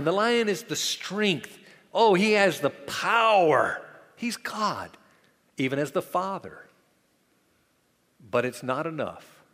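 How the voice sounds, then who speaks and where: A fairly high-voiced man preaches a sermon in a church sanctuary, swinging from loud, urgent passages to quiet, hushed ones. His voice carries a long reverb from the hall around him. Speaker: pastor.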